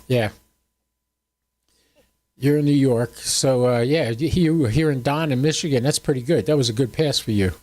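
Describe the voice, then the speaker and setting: A man in his seventies hosts a ham radio livestream, chatting casually with viewers in a folksy, joking, rambling way. His mid-range voice has a darkish tone, and he speaks at normal speed, pausing often.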